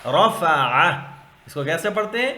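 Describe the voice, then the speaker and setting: A male Quran teacher spelling out Arabic letters and vowels for learners, repeating syllables slowly and loudly. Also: reverberant. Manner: slow drawn-out repetition of syllables, loud and high when drilling.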